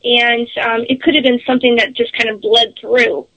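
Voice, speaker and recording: A woman guest talking casually on a radio interview, halting as she searches for words. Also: on the high side, fairly even intonation, pushed and bright, low-quality recording. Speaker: psychic medium guest on radio show.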